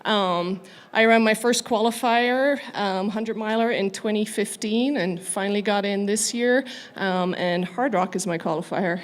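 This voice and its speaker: A middle-aged woman from Ireland answering on a live panel. She talks at a mid pitch and explains things in a measured, careful way. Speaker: panel guest, physician.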